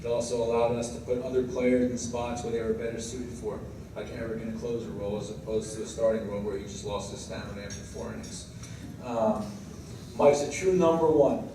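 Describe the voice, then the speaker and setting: An American man, a head coach giving a semi-scripted tribute speech in a halting way, moving between read-out praise and informal asides. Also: mid-range voice, fairly even intonation. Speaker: high school baseball head coach. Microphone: distant microphone. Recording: very echoey room, distant mic, clear background noise.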